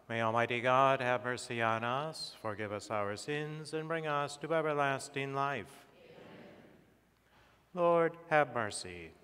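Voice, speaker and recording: Slow, solemn priest in cathedral echo. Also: male voice, medium pitch, a bit bright. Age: middle-aged. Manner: solemn, measured, formal recitation. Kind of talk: liturgical prayer and scripture reading. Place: large church sanctuary, at altar and lectern. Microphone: fixed church microphone on lectern or altar. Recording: long cathedral echo in a large church.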